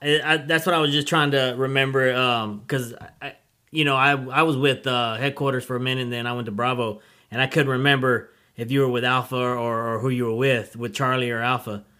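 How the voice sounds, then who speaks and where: A middle-aged man hosting a casual podcast interview, friendly and halting with many fillers. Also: medium pitch, fairly even intonation, bright, forceful tone. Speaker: podcast host.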